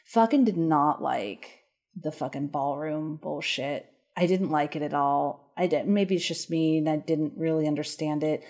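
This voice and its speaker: A woman's voice: low voice, dark tone. A woman co-hosting a podcast in casual chat, rambling and swearing freely. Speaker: podcast co-host.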